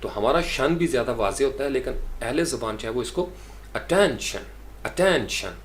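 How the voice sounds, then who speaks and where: A man from Pakistan gives a pronunciation lesson in a mid-pitched, ordinary voice. He explains each point conversationally, then repeats single words several times, slowing down and drawing out the stressed syllable. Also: a little hiss or hum. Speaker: English pronunciation teacher. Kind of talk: spoken language lesson.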